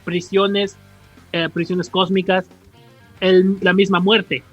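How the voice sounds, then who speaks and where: A podcast co-host with a Mexican accent explains comics lore in a casual, slangy chat, often halting to restart and correct himself. His voice is high and delivered flatly, the sound lo-fi with faint music behind.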